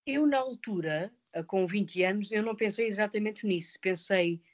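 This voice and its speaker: A woman's voice: medium pitch, moderate pace. Reflective woman in her fifties. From Mozambique. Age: 50s. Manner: reflective, many hesitations. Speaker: actress guest. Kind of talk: interview answers.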